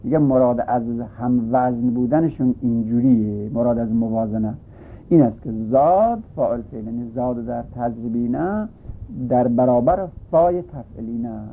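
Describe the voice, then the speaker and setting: A man teaches a grammar text in a steady lecture, going back over each point and rephrasing it. His voice is a little husky and sits at an ordinary pitch. The recording is thin and tinny, much like a phone line. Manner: patient, repeats and rephrases points.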